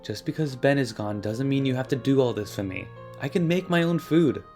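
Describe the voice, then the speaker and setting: A man voicing a wry, earnest teenage boy superhero in an animated series. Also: mid-range voice, fairly quick, soft background music, lightly acted. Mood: weary, apologetic. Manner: wry, youthful.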